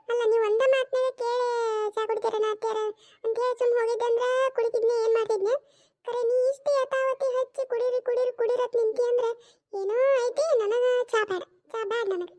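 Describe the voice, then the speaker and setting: A performer voicing a grumpy, squeaky cartoon mother-in-law. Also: steady tone, a little mellow. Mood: scolding. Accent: North Karnataka Kannada. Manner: stubborn, scolding, drawn-out retorts. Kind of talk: cartoon voice acting.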